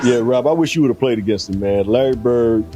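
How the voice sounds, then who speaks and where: A former player chatting fast about an old rival's trash talk. His tone is dark and relaxed, and a light music bed plays underneath. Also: medium pitch. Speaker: former pro basketball player. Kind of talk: casual sports talk.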